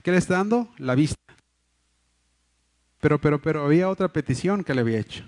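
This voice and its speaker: This pastor's voice is fairly high, animated, quick and slightly mellow. Preaching in a church hall through a livestream mic, he explains things earnestly in a Mexico City Spanish accent, stumbling through many fillers and restarts.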